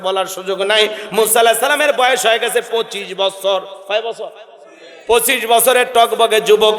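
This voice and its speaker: A man preaching a lively storytelling sermon, acting out characters and scolding the crowd. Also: sits high. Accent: northern Bangladeshi Bengali dialect. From Bangladesh. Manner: theatrical, acts out characters with shouted lines, scolds the crowd. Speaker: Islamic preacher. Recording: echoey hall-like PA sound.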